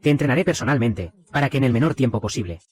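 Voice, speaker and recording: A man's voice: mid-range voice, expressive, rapid-fire, lightly acted. A man voicing a haughty ancient empress. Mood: imperious. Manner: commanding, haughty. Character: proud ancient female empress, imperious.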